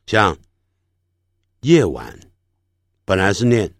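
A man's voice: fairly low pitch, big pitch swings, slow pace, creaky, no room sound, clean studio sound. A man teaching English pronunciation, patiently explaining and drawing out sounds to demonstrate them. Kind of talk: classroom lesson.

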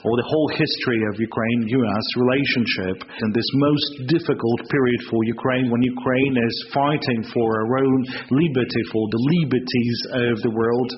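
A man relaying a leader's words as a live interpreter voice, with slightly halting phrasing. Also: medium pitch, steady tone. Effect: live interpreter voice relaying a speech. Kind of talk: simultaneous interpretation. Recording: muffled broadcast feed with faint noise.

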